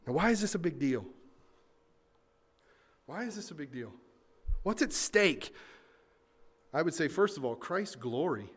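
A man as a pastor preaching a sermon in a lively, conversational way, with asides to the congregation. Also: on the high side.

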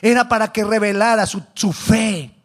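A man preaching a sermon, swinging between loud exhortation and hushed asides, acting out the voices of biblical characters. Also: sits high, fairly even intonation, normal speed.

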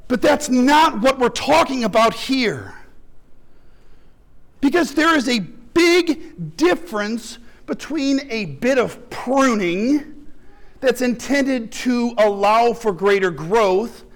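A man's voice: very high-pitched, lively intonation, slow. A male pastor delivering an impassioned sermon, building through rhetorical questions.

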